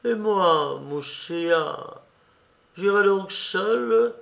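A man's voice: a little high, fairly even intonation, slow pace, vocal fry, a bit bright, voice pushed up, heavily acted. A man voicing a sad young woman prisoner, sorrowful and subdued, in an audiobook.

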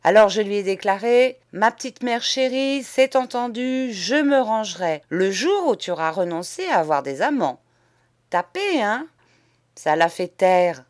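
A woman's voice: mid-range voice, sing-song, measured pace, a little mellow. A woman putting on a jeering young Parisian rake. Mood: mocking. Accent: Parisian drawl. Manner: drawling, jeering, gleeful. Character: cynical spoiled young Parisian man, mocking rake. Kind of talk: audiobook character voice.

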